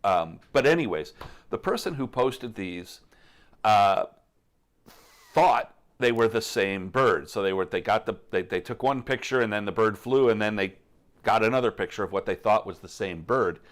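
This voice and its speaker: A middle-aged man with a fairly low voice co-hosts a casual live stream about birds. He explains in a relaxed, rambling way, often restarting his sentences. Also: moderate pace. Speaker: co-host answering bird questions.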